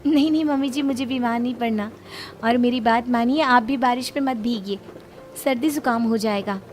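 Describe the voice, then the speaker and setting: A woman's voice: on the high side, moderate pace, a little hiss or hum, close to an everyday voice. A woman as a fretful young daughter-in-law. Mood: pleading. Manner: pleading, gently scolding.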